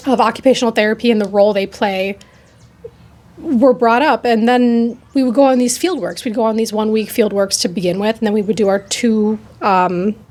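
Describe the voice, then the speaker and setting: A young woman in her twenties, a new occupational therapy graduate, talking in a quick, chatty way with lots of "like" and restarts in a casual interview. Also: on the high side, fairly even intonation, darkish tone.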